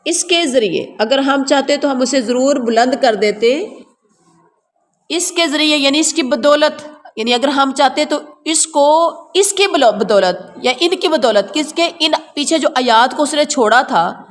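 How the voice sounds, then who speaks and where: A woman's voice: high voice, lively intonation. A woman teaching a word-by-word translation lesson to a class, explaining, repeating words and quizzing her listeners. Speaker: Quran teacher. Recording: long reverb, faint ambient noise.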